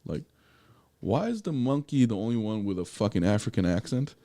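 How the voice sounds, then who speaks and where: A man's voice: on the low side, expressive, fairly quick, mellow. A man co-hosting a casual movie review podcast, who talks bluntly and swears freely. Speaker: podcast co-host.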